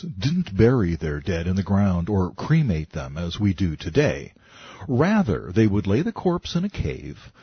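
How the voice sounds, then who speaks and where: A man's voice: sits low, breathy edge, dry recording, lo-fi sound. A man narrating a nonfiction book in a wry, conversational way, asking rhetorical questions. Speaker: audiobook narrator.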